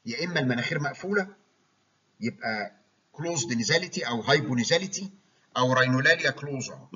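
A man's voice: medium pitch, lively intonation, fast talker, sharp tone, breathy edge. A man with an Egyptian accent giving a medical lecture, explaining terms and checking in with his listeners. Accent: Egyptian Arabic. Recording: dull lo-fi recording.

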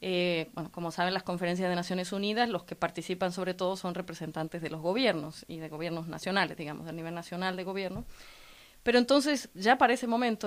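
A woman from La Plata whose Argentine accent is mixed with Mexican, explaining her organization's work calmly and fluently as a guest in a radio studio interview. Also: fairly low pitch. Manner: measured, fluent, structured explanations with frequent "¿no?" and "digamos". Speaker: guest, coalition president.

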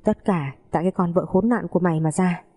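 Storybook mother-in-law, older woman, suspicious and accusing, mellow husky tone, read by a woman narrator. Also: fast talker. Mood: angry. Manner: shrill, accusing scolding.

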